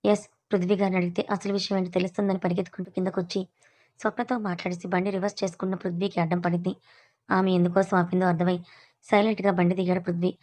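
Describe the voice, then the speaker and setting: A woman with a Telugu accent reading a serialized story aloud, in a brisk, even storyteller's manner. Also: lowish voice, no echo.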